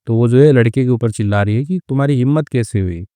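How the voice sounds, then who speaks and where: A man with a warm, mellow voice teaches English through a story. He reads each line, stops to gloss it phrase by phrase, and keeps the tone patient and chatty. The sound is close and dry, with no room around it. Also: mid-range voice, no room sound. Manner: reads English lines slowly, then glosses them.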